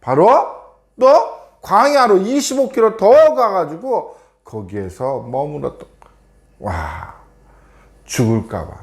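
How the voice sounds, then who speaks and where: A male pastor giving a children's sermon, telling a Bible story in an animated way and often putting questions to the children. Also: high voice.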